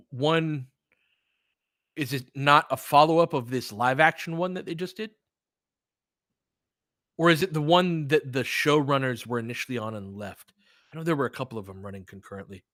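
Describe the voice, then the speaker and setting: A fairly high-pitched, fairly bright male voice comes at a moderate pace with long pauses, in studio quality with no room sound. As a sports podcast host, he informally chats through live basketball commentary and answers his stream's chat, thinking aloud.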